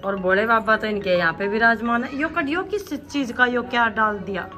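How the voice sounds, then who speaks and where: A woman's voice: fairly high pitch, normal speed, sharp tone, faint music behind. A woman hosting a casual family vlog, chatty and teasing, talking straight to her viewers. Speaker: vlogger host.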